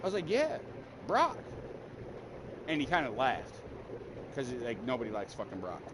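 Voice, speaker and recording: A man's voice: mid-range voice, brisk. A man streaming a game, angrily retelling a fight at work in casual, profane chat. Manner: profane, heated, animated retelling. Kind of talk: casual venting story. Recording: steady background noise.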